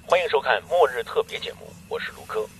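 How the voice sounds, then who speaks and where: A man playing a glib television news anchor with smooth announcer delivery, in an audio drama. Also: a little high, wildly swooping pitch, fast, a bit bright, slight background noise. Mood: announcing.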